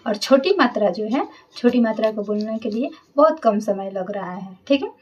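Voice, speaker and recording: A woman's voice: medium pitch, animated, a little mellow, recorded from a distance, dull audio. Patient woman teaching vowel sounds. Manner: patient, repeats each sound slowly and says "ठीक है" often. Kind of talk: Hindi grammar lesson.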